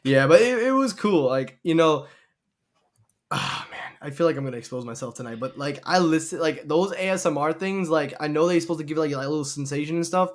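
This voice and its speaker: A man's voice: fairly high pitch, animated, a little fast. A young man guesting on a casual tech livestream, talking in a playful, teasing way. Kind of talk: casual chat.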